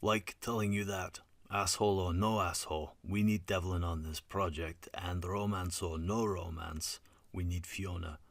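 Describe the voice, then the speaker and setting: A man voicing a bearded Russian lab manager, his R sounds softly rolled. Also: sits low, steady tone, measured pace, gravelly, dry recording. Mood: wry. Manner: soft rolled R.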